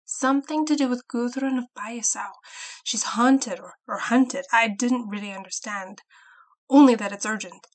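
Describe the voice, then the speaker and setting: A woman's voice: a little high, measured pace, lightly acted. A woman voicing a frightened young male farmhand who stutters through chattering teeth, in an audio storybook. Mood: urgent.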